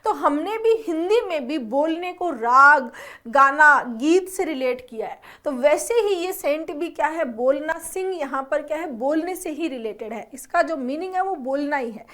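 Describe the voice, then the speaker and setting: A young adult woman teaching vocabulary for exam prep, her voice sitting high. She explains each word and keeps asking her students questions as she goes. English terms slip into her talk often. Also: animated, unhurried, fairly bright tone. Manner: explains and quizzes students with repeated check-ins.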